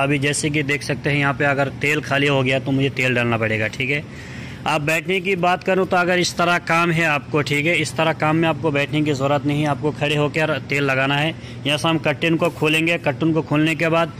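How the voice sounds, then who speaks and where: A man talks viewers through his shop-floor job in a casual, chatty vlog, leaning on the same little fillers again and again. His voice sits a bit higher than most men's. A phone picks him up in the aisles, with faint store ambience underneath. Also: sharp tone, a little hiss or hum. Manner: chatty, frequent filler "theek hai" and "doston". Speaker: vlogger showing his supermarket job. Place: supermarket aisles, indoors.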